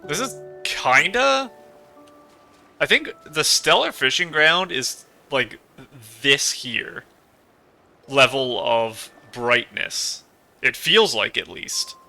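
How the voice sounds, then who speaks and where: Male let's play host: strikingly crisp, bright tone, casual, speculative commentary. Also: mid-range voice, expressive, slow, faint music behind. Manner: musing, speculating aloud.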